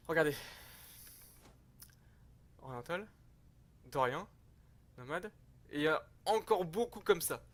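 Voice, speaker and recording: A man's voice: mid-range voice, fairly bright tone, a little hiss or hum. A young man giving rambling, slangy, self-mocking commentary over a strategy game he is playing. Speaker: gaming youtuber. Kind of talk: casual gameplay commentary.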